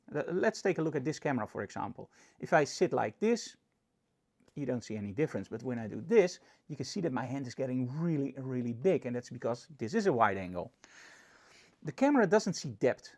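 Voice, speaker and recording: A man's voice: medium pitch, darkish tone. Enthusiastic male photography instructor. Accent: Dutch. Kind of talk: presentation tutorial.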